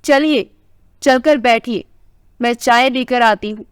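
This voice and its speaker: A tart, scolding older wife who nags her husband out of care, told as a storybook tale, with a woman reader putting her on. The voice is high, smooth and clear. It is recorded close and dry. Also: takes it slowly, dry recording. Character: sharp-tongued older wife, caring underneath.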